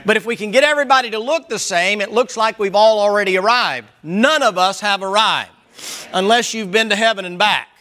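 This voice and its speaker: A man's voice: sits high, brisk, bright, forceful tone. A man preaching a Sunday school sermon in a folksy, joking and emphatic way.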